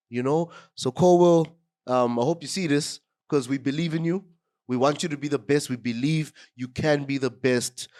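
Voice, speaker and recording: A man with a groggy voice from a cold gives a casual fan review of a football match. He sits at a middle pitch and keeps addressing his viewers directly, getting excited as he goes. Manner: excitable, talks straight to viewers. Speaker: football fan channel host.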